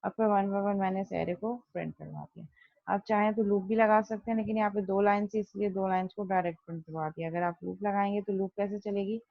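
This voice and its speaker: Speaking fast in a steady, mid-range voice with some creak, a woman teaches programming in an online lesson that blends Hindi-Urdu with English technical terms. She works through it methodically, posing questions and answering them herself, and the recording is dull with no echo.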